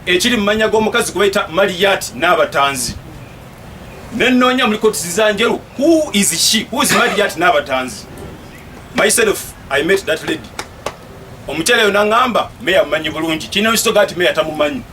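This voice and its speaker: A man's voice: high voice, lively intonation, fast, bright, forceful tone, far from the mic. A man from Uganda, a municipal councillor, speaking insistently at a public meeting and asking pointed questions. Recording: voice from afar, noisy crowd.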